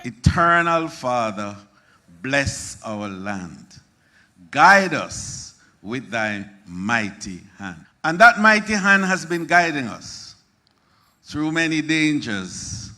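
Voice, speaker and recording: A man's voice: medium pitch, sing-song, slow, pushed and bright. A man giving a solemn, reverent address at a ceremony in a church hall. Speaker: speaker at a ceremony. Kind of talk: formal address with prayer. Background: music.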